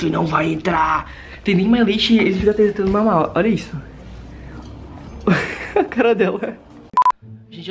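A young man with a Brazilian accent, vlogging in an excitable, dramatic way, talking straight to his viewers into a handheld camera. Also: high-pitched. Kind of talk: casual vlog talk to viewers.

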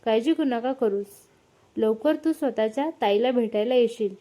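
A woman voicing a kind, hurried young husband who reassures others in a family story read aloud. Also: a little high, mellow, close to an everyday voice. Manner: brisk, reassuring.

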